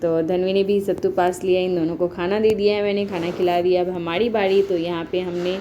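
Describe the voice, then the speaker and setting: Brief: woman in her thirties, homely vlog narrator who explains things step by step, mellow, slightly low voice, dull lo-fi sound. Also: little pitch movement, a little fast, slight background noise. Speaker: vlogger. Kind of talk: casual voice-over narration of a family festival vlog.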